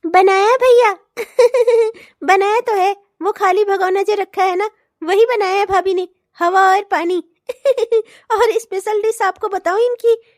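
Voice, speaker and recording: A woman's voice: very high-pitched, steady tone, takes it slowly, no echo, studio quality. A woman voicing a bratty teenage sister-in-law in a comic cartoon, teasing and sarcastic with frequent giggles. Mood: mocking.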